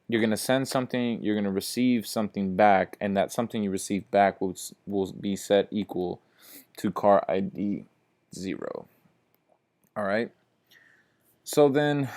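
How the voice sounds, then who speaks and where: Here the programming instructor speaks at a fairly low pitch with a darkish tone. He's drowsy and yawns as he casually explains code step by step, calling the audience "guys" and slowly repeating himself.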